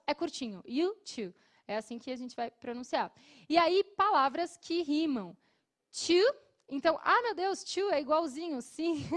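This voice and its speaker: A Brazilian woman teaching an English class, explaining patiently and modeling words slowly. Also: sits high.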